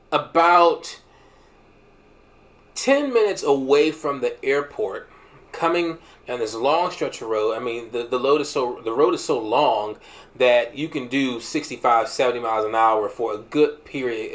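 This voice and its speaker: A man's voice: medium pitch, normal speed, fairly bright tone. A man in his thirties, hosting a show and telling a personal testimony with humor and emotional swings. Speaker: podcast host sharing a testimony.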